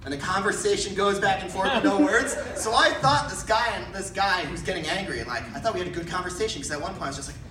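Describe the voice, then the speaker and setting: A man's voice: high voice, fast talker, few pauses. A young man doing stand-up storytelling, rambling with lots of fillers and acting out characters. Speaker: stand-up comedian. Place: comedy club stage. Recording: roomy room, distant mic, background noise.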